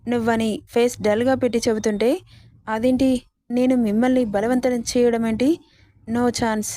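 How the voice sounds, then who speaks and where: A soft, flat-voiced temptress, read by a woman. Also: fairly high pitch, moderate pace, dry recording, clean studio sound, lightly acted. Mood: pleading.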